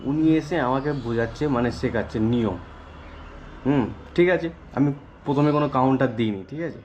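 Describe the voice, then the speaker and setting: Rambling rider vlogging. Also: male voice, mid-range voice, fairly quick, a little mellow, muffled recording, slight background noise. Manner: rambling, keeps saying "okay" as a filler. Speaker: food delivery rider vlogger. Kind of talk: casual vlog talk to camera.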